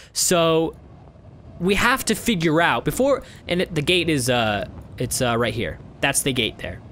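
A man's voice: fairly high pitch, fairly bright tone, slight background noise. A young man hosting a let's play, reading the game text and chatting casually with rambling, laugh-filled asides.

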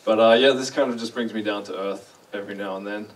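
Far from the mic in a big, darkened lecture hall, an Australian conference speaker talks fast in a fairly low, steady voice. His casual talk is chatty and self-deprecating, and he puts questions to the audience.

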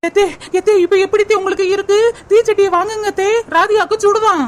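A woman with a southern Tamil Nadu accent voices a coaxing daughter-in-law in a cartoon comedy. Her voice is very high and soothing, with noise clearly heard behind it. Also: steady tone, fairly quick. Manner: coaxing and soothing, drawing out chants. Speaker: cartoon voice artist.

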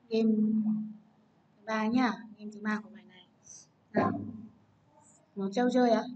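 A woman leads a children's English class. Her voice sits a little high as she explains patiently and coaxes answers from her students. A light background hiss runs under the recording. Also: a little mellow, muffled recording. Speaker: English teacher. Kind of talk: online English lesson for children.

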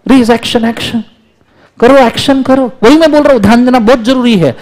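A man lecturing a classroom on law in energetic Hindi with terms, often calling on students to answer aloud. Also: very high-pitched, brisk.

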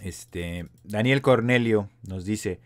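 A man's voice: lowish voice, takes it slowly. A Mexican man in his thirties co-hosting a casual podcast chat, joking around and reading listener comments aloud. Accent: Mexican Spanish. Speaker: podcast co-host.

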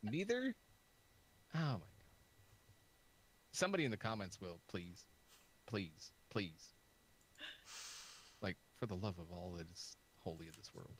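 Low-pitched and a little slow, this man pauses often, and the rough recording carries some hiss or hum. Appearing as a guest YouTuber in a relaxed video-call chat, he rambles with plenty of "like" fillers, staying animated and self-mocking.

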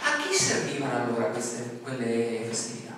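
A man's voice: mid-range voice, huge pitch swings, normal speed, distant mic, background noise. A middle-aged man from Italy preaching a sermon in a small church hall, talking casually and putting questions to the congregation. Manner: conversational, asks the congregation questions. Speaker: pastor. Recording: echoey hall, voice from afar.

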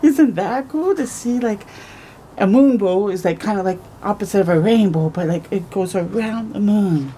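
Outdoors on a porch or in a yard early in the morning, a middle-aged woman hosts storytime for kids, reading a picture book with expressive little asides. Her medium-pitched voice slows down for gasps and stretched-out words, and a close camera records it with some slight background noise.

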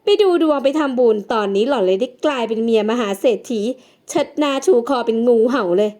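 A woman's voice: on the high side, fairly quick, darkish tone, lightly acted. A woman voicing a scheming, broke young woman in a storybook drama, mocking and coaxing as she talks.

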